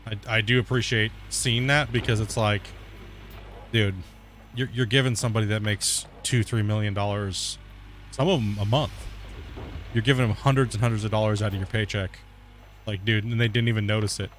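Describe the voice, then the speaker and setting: Speaking a little fast in a fairly low, slightly bright voice with fairly even intonation, a man chats loosely while streaming a mining game. His easygoing, rambling commentary leans on "like" and "dude," he notes his sunburn itches, and a little hiss or hum sits under the audio.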